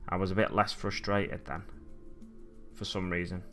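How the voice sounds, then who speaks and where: Soft music plays as this streamer chats casually with his audience, spinning loose stories over his miniature painting at a home hobby desk backed by a glass cabinet. He talks in a low, level, slightly scratchy voice that's a bit bright, at a moderate pace.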